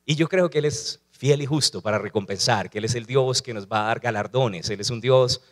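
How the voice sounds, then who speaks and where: A man's voice: mid-range voice, brisk. A male pastor preaching a sermon, asking rhetorical questions and calling on the congregation to repeat after him.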